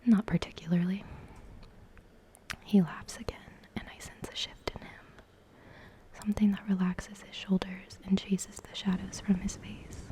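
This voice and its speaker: A woman in a whispered role-play, playing and reading a game aloud in a soft, chatty whisper and reacting as she goes. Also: medium pitch, little pitch movement, moderate pace. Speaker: ASMR creator.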